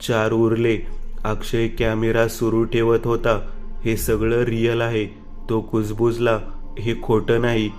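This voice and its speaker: A man narrating a scripted horror story in a slow, flat and ominous way. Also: fairly low pitch.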